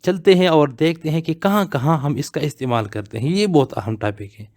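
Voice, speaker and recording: A man's voice: a little high, lively intonation, brisk, a little mellow. A man teaching English grammar, explaining step by step and repeating example words one at a time. He asks his class questions and then answers them himself. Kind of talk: grammar lesson explained slowly.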